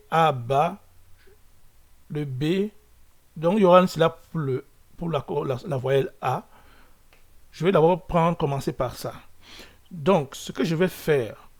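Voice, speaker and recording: Man explaining code slowly with many fillers. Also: a little high. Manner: thinks aloud with many restarts and fillers, checks in with "ok?". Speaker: coding tutorial host. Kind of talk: screen-recorded coding lesson.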